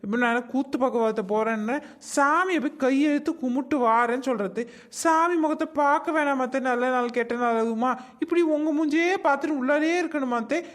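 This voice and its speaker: A woman's voice: high voice, fairly quick, lightly acted. A woman voicing a young wife in a comedy cartoon, pleading and wheedling to be allowed out. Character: pleading young wife eager for the temple fest.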